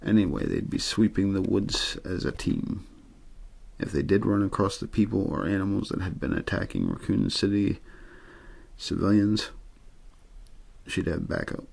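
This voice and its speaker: A man reads a novel aloud for an ASMR audience in a low, darkish voice thick with crackling fry and a husky grain, with big pitch swings at a normal speed. An amateur audiobook reader, he keeps the scripted narration plain, low-key and untheatrical, with occasional stumbles, as if helping someone drift off to sleep.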